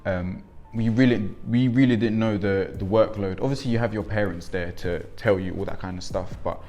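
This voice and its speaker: Young father, twenties, very low voice, thoughtful, interview over faint music. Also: moderate pace, darkish tone. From Congo, raised in England. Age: 20s. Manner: reflective, frequent ums. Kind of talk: documentary interview.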